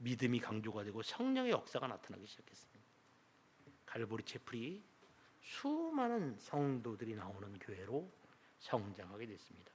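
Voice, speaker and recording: A man's voice: medium pitch, huge pitch swings, moderate pace, slight background noise. A middle-aged man preaching a Sunday sermon as pastor, telling a story and acting out its dialogue. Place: church sanctuary.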